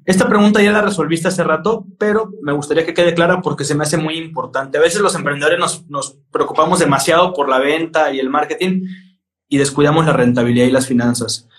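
A man's voice: on the high side, a little fast, fairly bright tone. A man in his thirties from Mexico hosting an interview over a video call, casual and upbeat as he asks questions. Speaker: host. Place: home room with neon sign. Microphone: webcam on video call.

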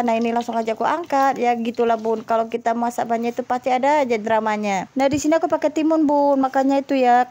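A young mother with a high but soft, mellow voice chats through a home cooking vlog. She is relaxed and self-deprecating, talking straight to her viewers as if they were friends. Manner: chatty, addresses viewers as "Bun" often. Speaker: vlogger and mother. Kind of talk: casual cooking vlog voice-over.

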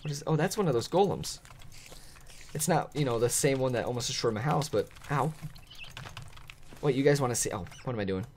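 A man narrating his video game play to viewers in an excitable, chatty way, laughing often and reacting out loud. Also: mid-range voice, a little fast, long pauses, slight background noise. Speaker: gaming channel host. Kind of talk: let's play commentary.

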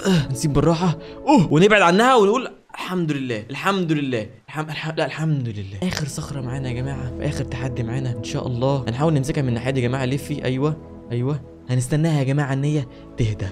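A young man in his twenties with an Egyptian accent, joking and excitable as he gives casual commentary on odd websites. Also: medium pitch, very fast, soft background music. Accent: Egyptian Arabic. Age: 20s. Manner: joking, excitable, drops to a hushed voice. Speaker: YouTuber.

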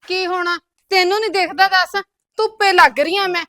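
Brief: woman as a bossy, high-voiced sister-in-law, dry close sound. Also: steady tone, normal speed, pushed and bright, dry recording. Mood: nagging. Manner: scolding, keeps tagging lines with a curt "tell me". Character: bossy nagging elder sister-in-law, middle-aged woman. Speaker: elder sister-in-law in the household. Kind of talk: comedy skit acting.

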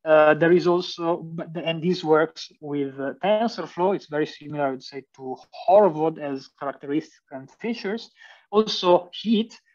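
A young Italian-accented PhD student lectures at a university, speaking hesitantly with lots of fillers and restarts. His voice runs on the high side at a moderate pace, captured in a distant, dull lo-fi recording.

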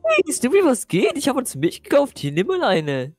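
A woman's voice: sits high, wildly swooping pitch, normal speed, darkish tone, soft background music. A woman voicing a carefree, teasing grown-up professor companion in a Minecraft role-play video.

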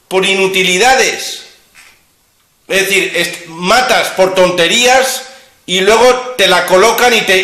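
Male host, bright and forceful voice, echoey room, blunt and mocking. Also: high-pitched. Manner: blunt, scornful, rhetorical questions. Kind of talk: casual chat. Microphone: video call.

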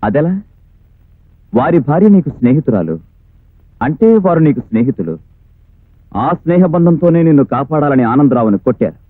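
An actor playing a formal, probing prosecutor in a film courtroom scene. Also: male voice, mid-range voice, expressive, brisk, pauses often, dry recording, lightly acted. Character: stern adult male prosecutor questioning a witness. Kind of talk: 1980s film courtroom drama. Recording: dry tinny lo-fi film soundtrack.

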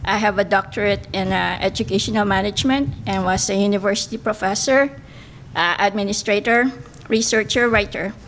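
Speaking at a little fast a pace, a middle-aged political candidate from the Philippines delivers an earnest, careful speech in English, her second language, with a Filipino accent and hesitant fillers. She uses a podium microphone in a banquet room. Her voice sits in the mid-range, and there's a little hiss or hum.

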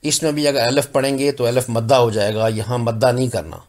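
A man from Pakistan teaching Quran recitation rules, repeating example words slowly and carefully. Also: mid-range voice. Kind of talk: slow explanatory lesson with recited examples.

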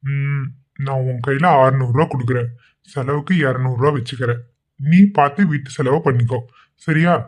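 A man voicing a loving, easygoing young village husband in a cartoon, talking in a soft, coaxing way. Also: medium pitch, moderate pace, close to an everyday voice.

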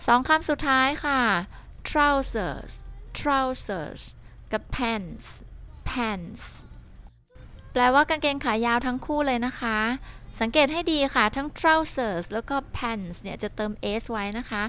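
A woman's voice: fairly high pitch, animated, pushed and bright. Thai woman teaching English words. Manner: friendly polite teacher, slows down to model pronunciation. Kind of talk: vocabulary lesson, clear slow repetition of words.

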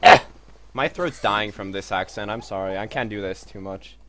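A man's voice: on the low side, normal speed, a bit bright, a little hiss or hum. A man commentating on his own gameplay in a casual, swearing, self-mocking way. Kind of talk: let's play commentary.

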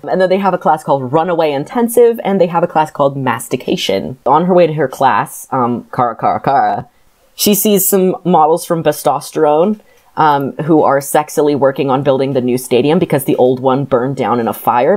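A woman's voice: low-pitched, a little mellow. A woman co-hosting a podcast, recapping a book in a casual, sardonic way with many fillers. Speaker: podcast co-host.

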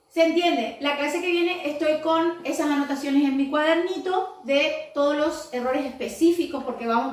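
High-voiced teacher in an echoey room. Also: female voice. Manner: explains step by step, often checks with "¿sí?". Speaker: English teacher. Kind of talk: recorded online class for young pupils. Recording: very echoey room, voice far from the mic.

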